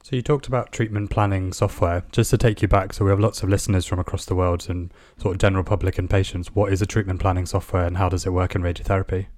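A man's voice: sits low, fairly even intonation, fast, hardly any pauses, a little mellow. A man co-hosting a podcast, asking the guest questions conversationally. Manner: conversational, explains for listeners. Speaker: podcast co-host. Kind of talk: podcast interviewing.

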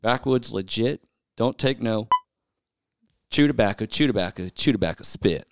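A man's voice: on the low side, moderate pace, a little hiss or hum. A man co-hosting a casual podcast, read-singing country song lyrics for laughs. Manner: reads song lyrics in a half-sung, joking way. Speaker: podcast co-host.

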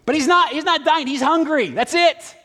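Man, pastor, high and animated pitch, casual chatty sermon delivery, long hall reverb. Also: normal speed. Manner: casual, animated, many fillers and restarts. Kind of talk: conversational sermon.

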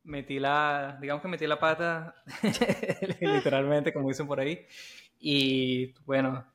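Even-toned man, halting casual talk. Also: a little high. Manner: halting, repeats words as he goes. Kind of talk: casual chat.

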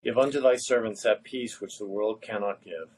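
A man with a fairly low voice leads an evening prayer service. He recites creeds and collects in a solemn, measured manner, as a liturgical officiant. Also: fairly even intonation, a little mellow, slight background noise.

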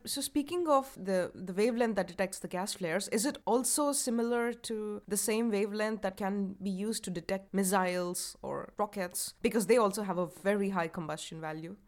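A woman hosting a casual space podcast, introducing her guest and asking clear, friendly questions. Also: mid-range voice, moderate pace, few pauses, darkish tone. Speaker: podcast host. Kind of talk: casual interview.

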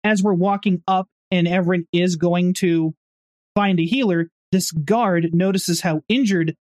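A woman playing a tabletop game, talking casually in a dry, matter-of-fact way and quick to correct others. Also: on the low side, a little mellow, no room sound.

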